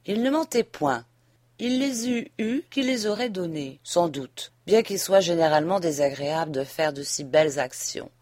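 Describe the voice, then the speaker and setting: A woman with a fairly low voice reads a classic novel aloud in a measured, expressive way. The recording is dry and close, with almost no room sound. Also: no room sound. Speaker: audiobook narrator. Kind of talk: literary audiobook narration.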